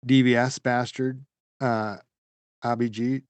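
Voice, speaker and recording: A man co-hosting a gaming podcast, chatting casually and trailing off as he rambles through shout-outs. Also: mid-range voice, slow pace, clean tone, dry recording. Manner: relaxed, rambling, trails off softly. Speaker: podcast co-host. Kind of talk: casual chat.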